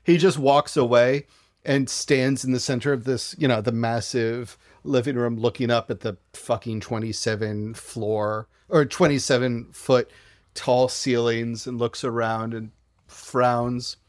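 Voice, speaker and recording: A man playing a tabletop game, calmly describing what his character does. He talks slowly and deliberately at an ordinary pitch, and the sound is dry and close. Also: no echo. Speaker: player. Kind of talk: narrating his character's actions.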